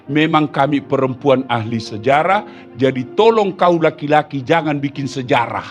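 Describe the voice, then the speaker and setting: A man's voice: medium pitch, animated, moderate pace, soft background music, voice pushed down, lightly acted. A man playing a teasing wife. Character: sharp-tongued wife teasing her husband.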